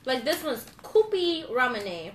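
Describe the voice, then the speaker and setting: A woman's voice: high-pitched, very animated, unhurried, recorded from a distance. A young woman hosting a casual live candy review, talking bluntly and swearing freely. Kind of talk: casual live-stream chat. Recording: echoey room, a bit off-mic, faint noise.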